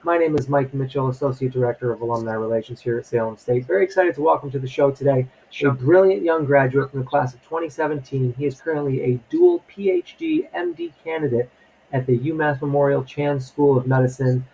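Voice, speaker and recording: A man's voice: mid-range voice, animated, a little fast, gravelly, warm tone, husky, rough recording. Upbeat male podcast host. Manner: upbeat, welcoming introductions. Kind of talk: podcast interview.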